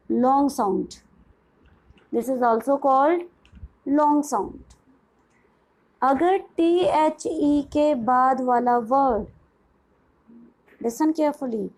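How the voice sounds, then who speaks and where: A woman's voice: high voice, a little mellow, rough recording. A woman teaching an English pronunciation lesson, mixing Hindi and English. She asks her students questions, answers them herself, and drawls out English phrases word by word. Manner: slows right down for English phrases. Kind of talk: bilingual classroom lesson.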